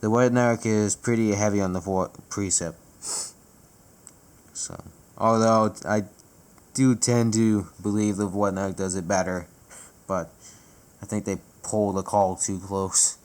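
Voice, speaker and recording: Young man, deep voice, profane, casual weather-vlog chat full of self-corrections. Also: fairly even intonation, measured pace, long pauses, a little mellow. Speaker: amateur weather vlogger.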